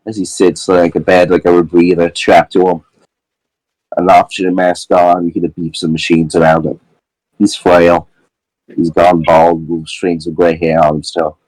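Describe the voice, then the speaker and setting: A man's voice: low voice, flat delivery, normal speed, a little mellow, dry recording, rough recording. A man narrating as game master in a casual, rambling way with many fillers.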